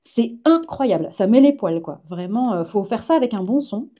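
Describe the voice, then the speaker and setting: A woman's voice: on the high side, very animated, moderate pace, mellow. A woman, a comic artist and science journalist, chatting casually and enthusiastically as a guest on a live stream.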